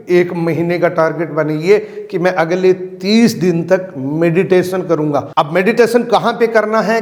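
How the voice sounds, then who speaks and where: A man with a high, bright voice leads a motivational network marketing training. He speaks with emphasis, comes back to his key phrases again and again, and acts out example lines. A long hall reverb trails behind each sentence.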